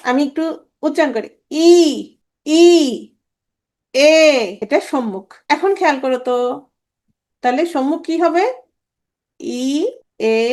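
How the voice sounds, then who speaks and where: A woman with a high voice teaches an exam-prep grammar lecture. She talks briskly and informally, with a teasing edge. She drills each sound by repeating it and fires questions she answers herself.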